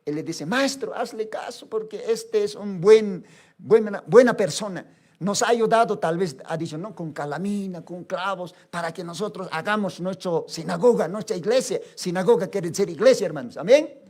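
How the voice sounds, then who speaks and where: A pastor from Bolivia delivers a Sunday sermon in a high-pitched voice at a moderate pace, shifting between soft asides and loud exclamations. He keeps addressing the congregation as his brothers.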